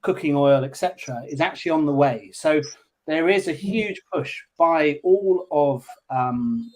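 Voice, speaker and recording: A man's voice: a little high, a little slow, rough recording. A man on a panel explaining things casually and earnestly, working through facts and figures.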